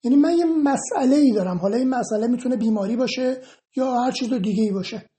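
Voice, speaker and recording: A woman with a somewhat high, soft and mellow voice works through listener questions one by one. She reads each question aloud, then explains her answer in a calm, reassuring tone. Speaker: EFT instructor answering viewer questions. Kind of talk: informal explanatory Q&A monologue.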